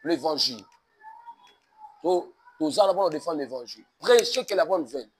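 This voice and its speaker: A crowd can be heard behind a man from DR Congo whose animated, fairly high voice moves at a moderate pace. He speaks in a Congolese French accent with an emphatic, sermon-like rhythm, mixing French with Lingala in preaching-toned interview talk.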